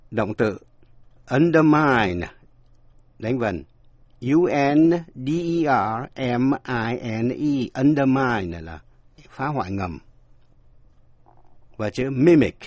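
A man's voice: mid-range voice, a little mellow, no room sound. A man giving a scripted radio language lesson, explaining word meanings and spelling words out letter by letter. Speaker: language teacher.

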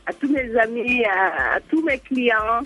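A woman's voice: a little high, animated, measured pace, fairly bright tone, husky, soft background music. A woman as a radio guest, speaking casually with many hesitations.

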